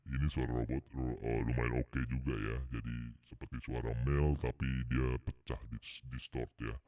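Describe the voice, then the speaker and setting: A man testing a mixer's robot preset, his voice distorted, cracked and raspy, playfully repeating words. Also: very deep voice, little pitch movement, normal speed, dark tone, no echo, lo-fi sound, pitched below the performer's own voice. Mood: amused. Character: distorted robot version of a man's voice. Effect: distorted robot voice filter.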